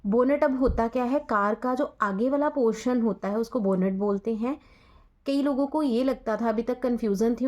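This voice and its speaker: A woman's voice: a little high, darkish tone. A woman with an Indian accent, teaching an English lesson and explaining patiently, spelling words out letter by letter.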